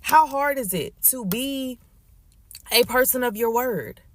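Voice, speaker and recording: A woman voicing a casual social media complaint, deliberate, emphatic and annoyed. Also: on the high side, a bit bright. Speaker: salon client.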